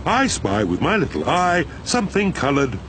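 A man's voice: fairly high pitch, wildly swooping pitch, normal speed, very noisy. A man with a British accent voicing a jolly, bumbling, self-assured father pig in a preschool cartoon. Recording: loud cartoon music behind.

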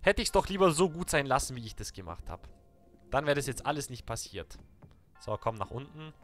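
A young man with a German accent, chatting excitedly to viewers while playing a video game. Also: mid-range voice, a little fast, soft background music. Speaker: let's play gamer. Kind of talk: live game commentary.

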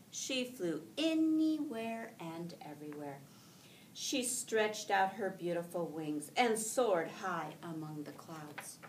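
Faint rumbling noise and an echoey room surround a middle-aged woman reading aloud to children in a school classroom. She's a teacher sharing a picture book, speaking in a deliberate, expressive storytelling voice with elongated words, picked up by a camera a few feet away.

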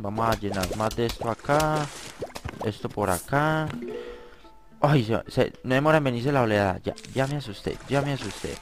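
An excitable man narrates his own gameplay, chatting to viewers and yelling at the enemies on screen. His voice sits at an ordinary mid pitch. Game music plays clearly behind him. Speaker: gaming commentator. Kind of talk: let's play game commentary.

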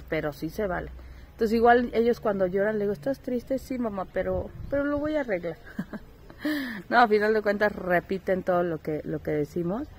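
A woman, a mother and small business owner, talking softly and emotionally to her viewers in a casual home vlog. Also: mid-range voice, slight background noise, poor audio. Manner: soft, emotional and heartfelt, thanking viewers. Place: home kitchen, a film playing in the background.

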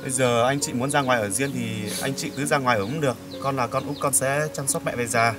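A man playing a gentle youngest son who soothes his mother and offers to care for her. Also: mid-range voice, steady tone, quick pace, music in the background, natural voice. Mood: soothing. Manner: soft, conciliatory. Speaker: son in family drama. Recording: voice from far off the mic.

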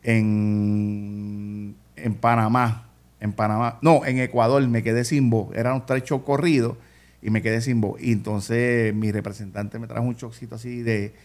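A man's voice: fairly low pitch, level tone, a little slow, a little mellow. A man chatting casually on a podcast, giving practical advice as an experienced singer. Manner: gives advice, fatherly, says "exacto". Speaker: guest singer. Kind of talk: casual chat.

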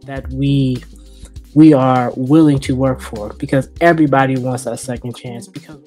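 A man's voice: medium pitch, fairly even intonation, moderate pace, a little mellow. A man hosting a casual, sarcastic commentary, talking loosely and joking as he goes. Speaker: host. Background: background music.

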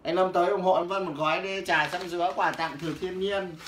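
A man, hawking goods on a casual livestream, loud and teasing as he calls out viewers by name. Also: high-pitched, fairly even intonation, fairly quick. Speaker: livestream seller. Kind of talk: casual livestream sales patter. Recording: roomy with faint background noise.

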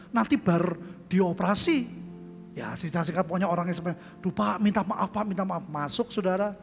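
An older man gives a storytelling sermon with a high voice, acting out the lines of the people in his story. He breaks into loud, high exclamations now and then. His voice rings with a long hall reverb over faint music. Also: vocal fry. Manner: storytelling with acted-out dialogue, addresses crowd as saudara. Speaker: preacher. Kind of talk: sermon testimony.

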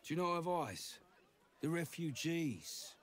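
A man's voice: on the high side, big pitch swings, measured pace. A man playing a brusque, grudging donations collector in a fantasy game, impatient in manner.

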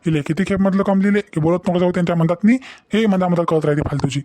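A man's voice: high voice, quick pace, noisy background, natural voice. A man voicing an exasperated middle-aged village father in a cartoon. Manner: rambling, exasperated. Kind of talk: cartoon voice acting.

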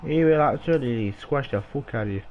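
A young man streams a video game. He talks in casual, teasing, sweary banter at a middling pitch. The home recording has faint noise and clicking behind him. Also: brisk, phone-quality sound. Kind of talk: casual gaming chat with friends.

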